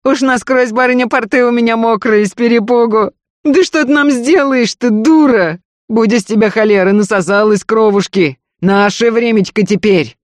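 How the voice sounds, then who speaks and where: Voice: mid-range voice, normal speed, no room sound, pitched above the performer's own voice, natural voice. A reader voicing a pockmarked, dishevelled young male robber who jeers and leers in a raised, mocking voice. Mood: jeering. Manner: mocking, leering.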